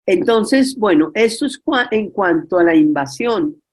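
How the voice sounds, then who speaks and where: A woman's voice: medium pitch, expressive, unhurried, slightly rough. An older woman giving an earnest spiritual talk on forgiveness, repeating words for emphasis and sharing personal testimony. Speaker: religious workshop speaker.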